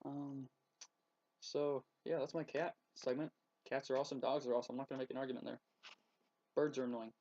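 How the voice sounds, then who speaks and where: A man's voice: medium pitch, level tone, warm tone. Rambling teenage guy on a muffled laptop mic. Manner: rambling, halting, full of ums and likes. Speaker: vlogger. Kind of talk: casual webcam vlog. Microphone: laptop webcam mic.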